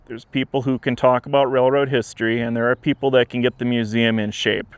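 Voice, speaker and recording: A man speaking in an earnest, measured, plain-spoken way, giving an informal update to camera as a museum director outdoors. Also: mid-range voice, smooth, no room sound. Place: outdoors beside a trail, with traffic and wind. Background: traffic and wind.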